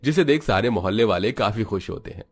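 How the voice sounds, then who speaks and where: A man narrating an animated moral story in a scripted, even storytelling way. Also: lowish voice, quick pace, breathy edge.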